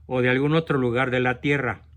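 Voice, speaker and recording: A man's voice: mid-range voice, steady tone, fairly quick. A man with a Mexican accent hosting a session, telling a fable in a frank, direct manner. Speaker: host of a talk session. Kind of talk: storytelling talk.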